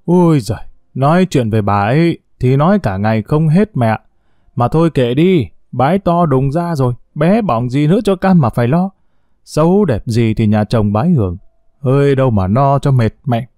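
A man's voice: mid-range voice, animated, normal speed, mellow, no room sound, clean studio sound, lightly acted. A man voicing a cocky, flippant young son. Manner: brash, flippant, chatty.

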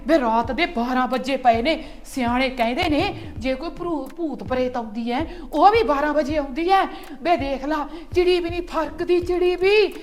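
A woman plays a sharp-tongued village wife who nags and mocks without pause. Her voice sits very high and cutting. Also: natural voice. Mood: nagging. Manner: fast scolding, mocking. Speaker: actress.

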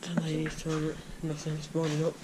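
A man's voice: fairly high pitch, monotone, moderate pace. A teenage boy casually narrating a walkthrough of an abandoned building, filling his talk with "like" and "guys". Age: teens. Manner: loose, filler-heavy commentary with many "like" and "guys". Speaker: urban explorer vlogger. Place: abandoned building, indoors and outdoors. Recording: loud background noise.

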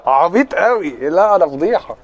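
A man's voice: high voice, big pitch swings, moderate pace, lo-fi sound, a little hiss or hum. A young man with an Egyptian accent chatting on a casual live stream, answering viewer comments in a joking, teasing way. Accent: Egyptian Arabic.

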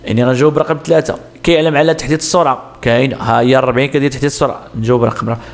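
A man's voice: mid-range voice, fairly even intonation, very fast. A man with a Moroccan Arabic accent explaining road sign exam answers step by step, asking questions and answering them himself. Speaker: driving instructor.

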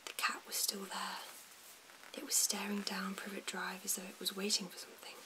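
In a soft, slow whisper, a woman with a mid-range voice reads a storybook ASMR-style. Her delivery stays even and hushed, though noticeable hiss and small mouth clicks run throughout.

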